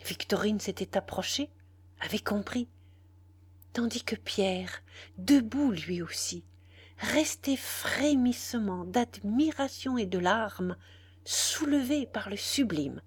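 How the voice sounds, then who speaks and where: A woman reads a novel aloud in a slow, solemn manner, sometimes sinking into a hushed whisper. The recording is dry and close, with no room sound. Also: medium pitch, animated, slightly rough, no room sound. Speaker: audiobook narrator. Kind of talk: scripted narration of a novel.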